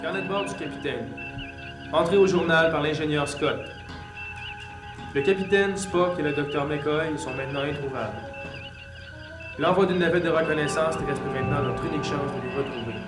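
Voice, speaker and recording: An actor playing a determined, solemn chief engineer commanding a starship in a French audio drama. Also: male voice, a little high, normal speed, pauses often, lightly acted. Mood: grave. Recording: echoey, music laid underneath.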